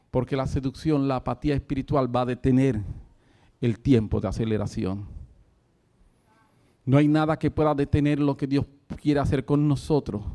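A man's voice: fairly high pitch, darkish tone. A man preaching a sermon, telling a story with fervent energy and breaking into laughter. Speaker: pastor.

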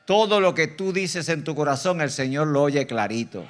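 A man with a Puerto Rican accent preaching an animated sermon as a guest preacher, teasing the congregation and swinging between loud bursts and quiet asides. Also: on the high side, normal speed. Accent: Puerto Rican Spanish. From Puerto Rico. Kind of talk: lively sermon. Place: church sanctuary.

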